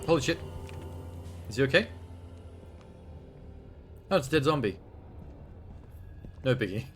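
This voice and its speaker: A man's voice: medium pitch, sing-song, measured pace, faint music behind. A man giving casual, nervous commentary to himself while playing a horror game. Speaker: video game streamer.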